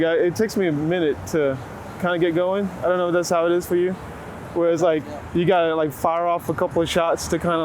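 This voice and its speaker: A man with a slightly high, darkish voice, an American photographer from Waco, Texas, reflects informally in an interview, often hedging with "like" as he searches for how to say things. The setting is an outdoor city street, and street and traffic noise, including passing vehicles and urban ambience, is clearly audible.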